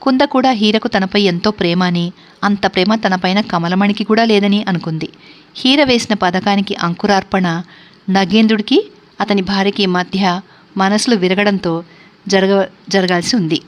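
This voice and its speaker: A woman storyteller narrating a classic novel in a steady, measured reading voice. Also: mid-range voice.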